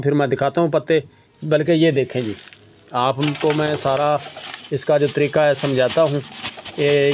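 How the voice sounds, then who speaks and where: Homespun herbal practitioner explaining step by step. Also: male voice, fairly high pitch, darkish tone, slight background noise. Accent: Punjabi-influenced Urdu. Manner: casual, keeps saying "lo ji" and "bhaijaan". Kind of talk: hands-on demonstration tutorial.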